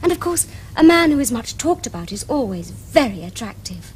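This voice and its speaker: In a period comedy staged for television, a young adult actress voices a romantic, prim Victorian lady in a slightly high, very animated voice at a fairly quick pace. Her English Received Pronunciation is precise, formal, and earnest, her mood dreamy yet matter-of-fact, with slight background noise.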